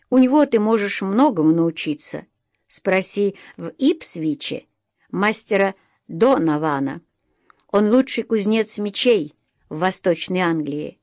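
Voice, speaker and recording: A gruff middle-aged master blacksmith, as a woman narrator reads him in an audiobook. He talks plainly and firmly, pressing his apprentice on. The voice stays close and dry with no room sound. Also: lowish voice, dry recording. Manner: gruff, a bit hurt, loudly encouraging. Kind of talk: audiobook reading.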